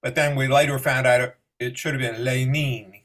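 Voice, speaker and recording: A man chatting casually on a video call in a conversational, slightly halting way. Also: medium pitch, steady tone, a bit bright.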